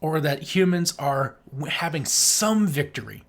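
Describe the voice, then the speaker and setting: In an unhurried but animated way, a slightly high-voiced man chats as a podcast co-host about movies. He dissects them with sarcasm in a relaxed, conversational style.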